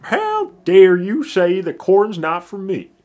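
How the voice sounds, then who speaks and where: A man voicing a proud, boastful male rooster in a storybook reading, with a squawky, drawn-out, theatrical delivery. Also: very high voice, huge pitch swings, gravelly, a little mellow, pitched above the performer's own voice, heavily acted. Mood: indignant. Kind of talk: storybook character voice.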